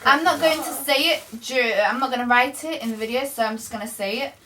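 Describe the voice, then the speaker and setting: A woman's voice: sits high, fast, bright, forceful tone. A young woman hosting a casual challenge vlog, chatting informally with friends. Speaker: vlog host. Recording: noisy, far from the mic.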